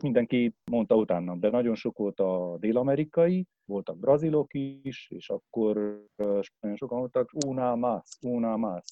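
A man with a lowish, mellow voice recounts a trip in a loose, unhurried way, pausing on filler sounds and breaking off to restart his sentences. The recording is somewhat dull and lo-fi. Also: no room sound. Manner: hesitant, many filler sounds, halting restarts. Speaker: tour guide. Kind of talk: casual travel storytelling.

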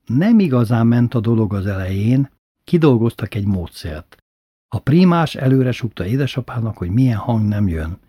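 A man's voice: mid-range voice, very animated, mellow, breathy edge, no room sound. A man recounting a childhood memory in a dry, wry, matter-of-fact storytelling manner. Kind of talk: recited childhood memoir.

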